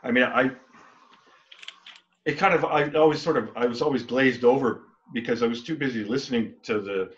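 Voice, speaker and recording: A band member chats at a moderate pace in a medium-pitched voice during a casual interview, rambling, restarting often, and acting out quoted exchanges. The recording sounds dull and lo-fi.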